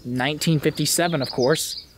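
Man acting lost ghost, earnest, polite, old-fashioned, slightly high voice, faint outdoor noise. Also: steady tone, normal speed, lightly acted. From Illinois. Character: lost male ghost from the 1950s, pleading. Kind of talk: film drama.

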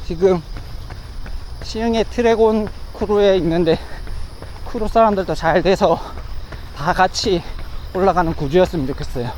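A man's voice: high voice, a little mellow, low-quality recording. A man chatting casually on his own while running outdoors, speaking in short, broken phrases. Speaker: amateur runner vlogging. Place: outdoors along a riverside path. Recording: outdoor ambient noise.

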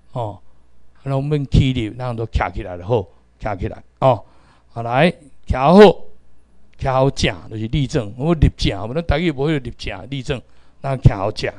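A man's voice: mid-range voice, no echo. Taiwanese man lecturing a class. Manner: animated lecturing, drilling class commands. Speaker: teacher.

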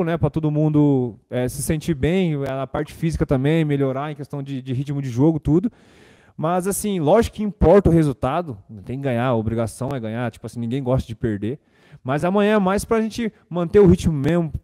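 Speaking into a desk microphone in a club press room, a young male footballer from Brazil answers the press in a relaxed way, often repeating himself and leaning on fillers. His voice is on the high side and mellow.

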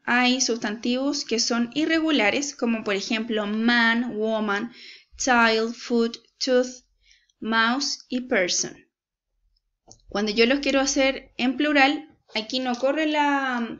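Slow, patient Chilean woman teacher. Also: fairly high pitch, a bit bright, highs cut off. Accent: Chilean Spanish. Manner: slow, patient, checks in with "¿cierto?". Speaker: English teacher. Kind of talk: recorded slide lesson.

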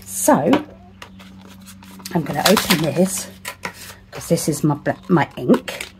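Crafting with resin at home, this woman talks her thoughts through in chatty, self-mocking remarks, at times dropping to a whisper. Her low voice moves slowly with lively intonation, over a noisy background.

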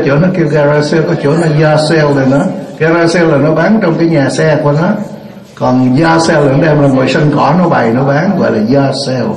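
An older man teaching a classroom lesson, chatty and joking, repeating words slowly so they sink in. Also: a little high, a little mellow. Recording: roomy, dull lo-fi classroom recording.

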